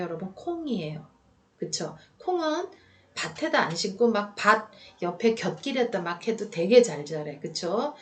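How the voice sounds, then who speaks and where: A woman giving a chatty lecture on regional food, talking straight to her students and asking them questions. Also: mid-range voice. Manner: chatty, addresses students as 여러분, asks rhetorical questions. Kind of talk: recorded lecture. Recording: voice a bit far from the mic.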